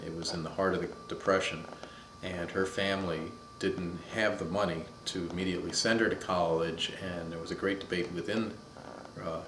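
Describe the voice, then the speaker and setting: A man's voice: sits low, a bit bright, slight background noise. A man in his fifties from upstate New York, thoughtfully telling stories of his childhood in an interview. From upstate New York, USA. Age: 50s. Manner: thoughtful, storytelling, searches for words. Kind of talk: reminiscing interview. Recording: echoey room.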